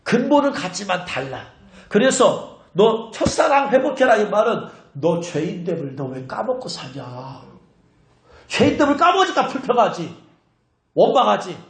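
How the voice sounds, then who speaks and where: A man preaching in a high, lively voice that swings up and down as he scolds and teases his listeners. The sound rings through a very echoey church hall. He talks straight at the congregation, like a pastor who knows them well. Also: moderate pace. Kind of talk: sermon. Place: church sanctuary.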